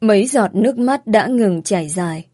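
A woman's voice: medium pitch, expressive, normal speed, dark tone, husky, dry recording, clean studio sound. A woman narrating an emotional first-person story. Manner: earnest and emotional.

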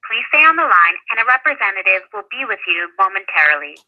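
A woman's prerecorded hotline greeting, played over a phone call and read in a polite, measured, formal way. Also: medium pitch, big pitch swings. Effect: recorded phone greeting played over a call. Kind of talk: scripted phone menu announcement. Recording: muffled phone line.

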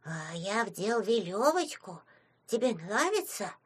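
Chubby little boy house sprite, soft and drawn-out, woman reader. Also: medium pitch, sing-song, husky, heavily acted. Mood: shy.

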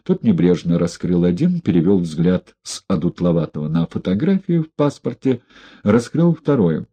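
A man narrating a story in a low, dark voice with a husky grain. His pitch moves in a lively way as he tells it. The pace is measured and steady. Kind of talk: audiobook narration.

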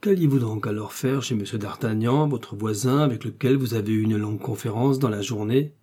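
A man's voice: lowish voice, brisk, warm tone, husky. A man voicing a stern, suspicious police commissioner who interrogates in a storybook reading.

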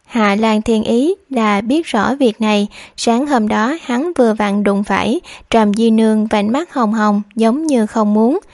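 Female audiobook narrator: steady, even reading, slightly high voice. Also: measured pace, hardly any pauses, dry recording.

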